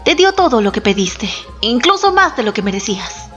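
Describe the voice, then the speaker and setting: A woman voicing a stern, commanding male Inca emperor in a solemn, authoritative tone, with soft music behind. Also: fairly high pitch, big pitch swings, fairly quick. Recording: slightly dull, soft background music.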